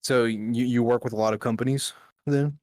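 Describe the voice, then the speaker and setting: Easygoing male co-host, halting. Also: mid-range voice, steady tone, a little mellow, no echo, clean studio sound. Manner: halting, repeats words, easygoing. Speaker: podcast co-host. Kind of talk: casual interview chat.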